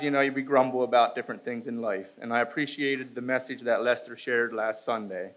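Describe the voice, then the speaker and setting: A man's voice: medium pitch, fairly bright tone, poor audio. A man in his forties, a church elder, talking informally at a church podium with frequent restarts. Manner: halting, informal, many restarts. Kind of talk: church announcements and scripture reading. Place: church sanctuary stage. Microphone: podium microphone.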